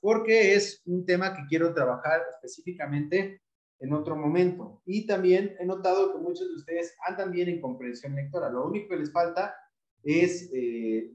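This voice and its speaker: Male Mexican teacher, slightly high voice, patient explainer, echoey room. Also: a little mellow. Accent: Mexican Spanish. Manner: explanatory, repeats key points. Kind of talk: online exam-prep lesson.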